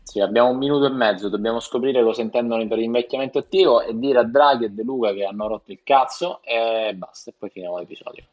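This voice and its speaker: A man's voice: mid-range voice, quick pace, hardly any pauses, darkish tone, lo-fi sound. A man co-hosting a podcast in casual comedic chat, blunt, provocative and foul-mouthed. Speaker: podcast co-host.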